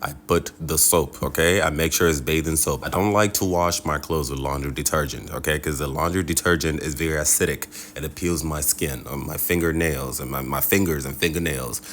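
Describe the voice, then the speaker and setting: A man from Nigeria talks casually to viewers as a travel vlogger, in an animated, colloquial way with frequent check-in tags. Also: extremely low pitch, fairly quick, hardly any pauses, a little hiss or hum. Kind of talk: casual vlog talk to viewers.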